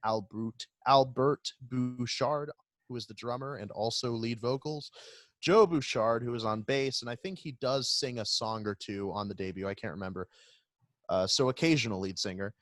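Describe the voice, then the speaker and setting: A young man co-hosting a casual music review chat, walking through band history in a relaxed, joking way. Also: medium pitch, no room sound. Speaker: podcast co-host.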